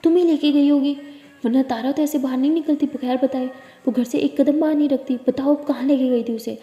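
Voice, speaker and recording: A woman's voice: sits high, steady tone, a little fast, warm tone, lo-fi sound, close to an everyday voice. A woman voicing a stern middle-aged aunt who scolds and interrogates sharply, in an echoey room. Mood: stern scolding. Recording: echoey room with long reverb.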